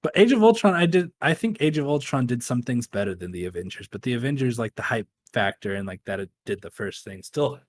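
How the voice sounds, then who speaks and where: A man's voice: medium pitch, animated, fast, hardly any pauses. A young man co-hosting a casual chat, rambling and joking with frequent laughs. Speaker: co-host.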